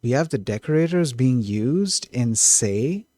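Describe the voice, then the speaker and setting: A man streaming himself coding, thinking aloud, who gets excited and keeps correcting himself mid-thought. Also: mid-range voice, a little slow, no room sound. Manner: excitable, self-correcting, trails off and restarts.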